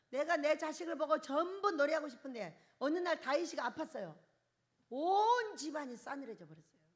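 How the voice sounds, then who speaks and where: Older woman pastor, lively high preaching. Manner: emotive preaching with sudden loud bursts and soft drops; asks the congregation questions. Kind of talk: charismatic sermon. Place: church hall.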